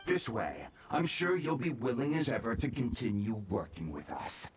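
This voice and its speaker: Man playing a blustering bandit villain, wildly swinging pitch. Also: very animated, normal speed, far from the mic, close to an everyday voice. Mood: sneering menace. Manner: threatening, sneering, theatrical. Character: menacing, blustering bandit kidnapper, adult man, short-tempered. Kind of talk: English video game voice acting.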